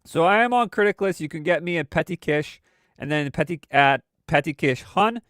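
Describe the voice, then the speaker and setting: Speaking at a moderate pace, this man has an expressive, slightly high voice with a fairly bright tone, captured at studio quality without room sound. He runs a weekly live stream, rambling casually with lots of fillers and restarts, and his voice is stuffy from a lingering cold.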